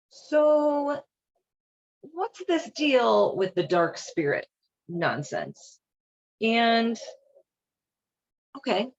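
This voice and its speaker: Hosting an easygoing read-along of a children's Bible, a woman offers wry, irreverent commentary in an informal style. Her voice sits a little high, and the recording has a dull quality.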